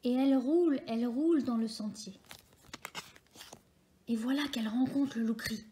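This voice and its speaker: A woman reading a children's story aloud in a lively, expressive way. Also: on the high side, normal speed, slight background noise.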